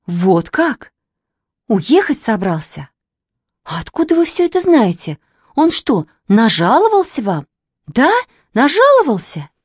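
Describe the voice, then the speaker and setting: A frantic young woman from a storybook, put on by a woman reader, firing off anxious, demanding questions in a high, lively voice. The sound is dry and close. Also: measured pace, long pauses, husky, dry recording, heavily acted.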